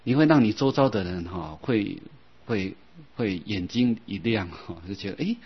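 A man teaching a Buddhist dharma lecture in a gentle, unhurried way, with soft filler sounds and slow, drawn-out recitation of scripture. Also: on the low side, expressive, husky. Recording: dull lo-fi sound.

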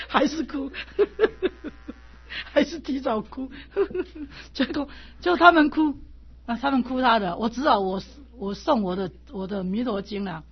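An older woman from Taiwan, a lay Buddhist teacher, telling animated stories in a casual way and laughing often. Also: mid-range voice, breathy edge. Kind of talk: casual storytelling talk. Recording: dull lo-fi recording.

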